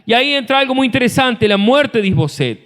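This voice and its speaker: A man, a pastor preaching an animated sermon full of rhetorical questions, recorded in a church hall. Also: extremely high pitch, quick pace. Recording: long church-hall reverb.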